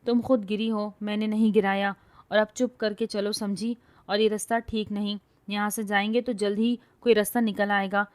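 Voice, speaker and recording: A woman's voice: medium pitch, level tone, lightly acted. A woman voicing a young man who speaks in a firm, curt, exasperated way. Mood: angry.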